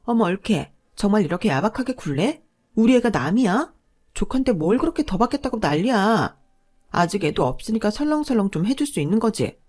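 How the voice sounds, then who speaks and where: A woman voicing a pushy, greedy middle-aged sister-in-law who scolds and bosses loudly. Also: medium pitch, big pitch swings, fairly quick. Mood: wheedling. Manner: bossy, scolding, loud in anger.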